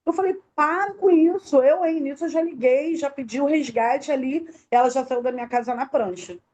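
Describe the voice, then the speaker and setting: Woman, middle-aged, fairly high voice, warm and mellow, detailed emotional testimony, acts out quoted dialogue. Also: brisk. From Brazil. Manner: tells the story in detail, acting out quoted dialogue. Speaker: interview guest, bereaved mother.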